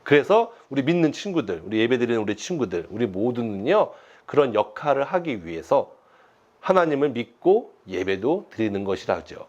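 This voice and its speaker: Pastor guy doing a kids' sermon from home, pitch jumping all over, kinda muffled lo-fi sound. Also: moderate pace. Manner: animated storytelling to children, acting out quotes. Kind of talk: children's sermon.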